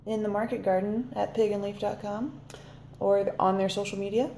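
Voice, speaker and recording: A woman's voice: medium pitch, steady tone, moderate pace, warm tone, slight background noise. A young woman in her twenties chatting casually as a vlog co-host, rambling and searching for words with a giggle. She speaks to a phone held at arm's length inside a large greenhouse. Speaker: vlog co-host, farm intern. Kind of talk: casual chat. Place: large dome greenhouse, indoors. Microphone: phone camera at arm's length. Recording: echoey greenhouse.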